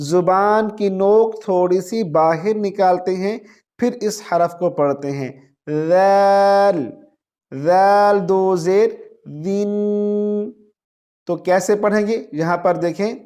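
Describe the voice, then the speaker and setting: A man teaching a Quran reading lesson, reciting single words very slowly and drawn out, then explaining briskly and patiently repeating each word. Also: high voice, darkish tone.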